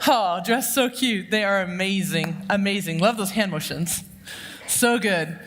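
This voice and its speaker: A church counseling director gives a personal storytelling sermon in a church sanctuary, her loud voice of medium pitch carrying a measured pace. She is lively, humorous and anecdotal, and the recording carries the long reverb of the church hall.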